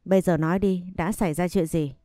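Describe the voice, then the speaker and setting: A woman's voice: fairly low pitch, steady tone, brisk, dark tone, dry recording, clean studio sound, lightly acted. A woman voicing a strict old grandmother who commands her family. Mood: stern.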